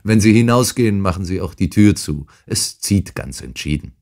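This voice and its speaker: A man voicing a calm, unshakable detective in an audiobook, speaking with dry irony. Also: deep voice, moderate pace, voice pushed up. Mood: amused, brisk. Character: calm, ironic adult male detective. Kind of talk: audiobook character reading.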